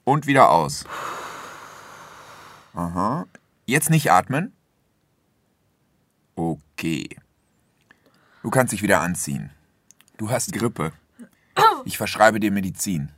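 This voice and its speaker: A man playing a friendly, soothing and slightly jocular family doctor in a scripted language-learning dialogue, speaking clearly to a patient. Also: fairly low pitch, very animated, takes it slowly, pauses often, a bit bright, dry recording, clean studio sound, full character voice. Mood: attentive.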